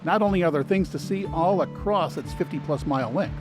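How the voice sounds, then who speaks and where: Over soft background music, a man narrates a travel video as a guide, scripted and informative, with dry, lightly sarcastic asides. His voice is on the high side and his delivery brisk.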